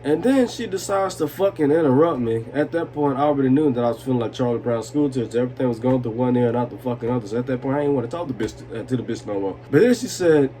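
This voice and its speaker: Speaking quickly with barely a pause, a twentysomething vlogger who's had too much vodka rants through a profane storytime to the camera. His mid-range voice has a mellow quality.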